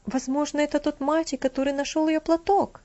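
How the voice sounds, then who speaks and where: A woman voicing a calm, gentle boy who speaks mildly and reasonably. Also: sits high, fairly quick, dull audio, voice pushed up, lightly acted.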